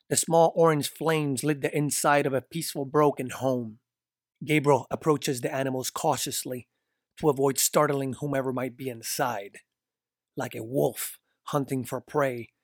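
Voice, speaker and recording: A man reading a dark fiction story aloud in a steady, descriptive narration. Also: medium pitch, no echo, studio quality.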